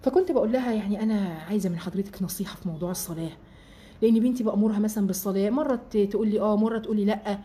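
A woman in her forties with an Egyptian accent, giving chatty, animated religious and family advice on a live stream. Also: mid-range voice, rapid-fire. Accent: Egyptian Arabic. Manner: chatty, animated, addresses listeners as sisters. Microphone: live-stream mic.

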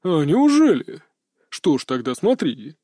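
A man's voice: a little high, wildly swooping pitch, measured pace, dark tone, no echo, clean studio sound. A man voicing a burly bearded older hunter who taunts and lectures in a sly, mocking way, read as an audiobook character. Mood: taunting. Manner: taunting, philosophizing.

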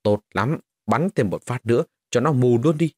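Brief: a man doing a proud male warrior for an audiobook, loud, blunt, husky edge, close and dry. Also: medium pitch, lively intonation, normal speed, no room sound, close to an everyday voice. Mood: commanding.

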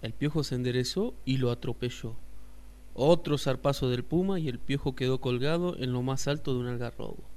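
A man narrating a children's story in a lively, expressive way. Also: medium pitch, brisk.

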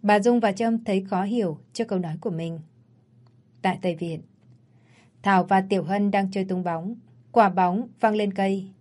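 A woman narrating a scripted audio story in a steady storytelling manner. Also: mid-range voice, moderate pace.

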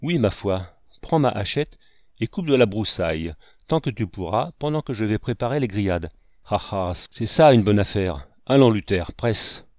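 A man reading as a gruff old frontier sergeant. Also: fairly low pitch, expressive, darkish tone, no echo, studio quality, natural voice. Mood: commanding. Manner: brisk, commanding, scolding. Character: gruff older male frontier sergeant, a father.

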